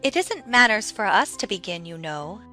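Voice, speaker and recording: A woman's voice: mid-range voice, very animated, moderate pace, sharp tone, faint music behind. A woman voicing a prim, frank, matter-of-fact talking rose in a dramatized children's audiobook. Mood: prim, appraising.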